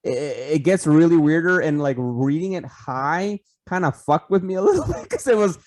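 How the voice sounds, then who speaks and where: A man's voice: fairly high pitch, very animated, normal speed, darkish tone, no echo. A man co-hosting a casual podcast over a video call, rambling with lots of restarts, fillers and swearing. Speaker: podcast co-host.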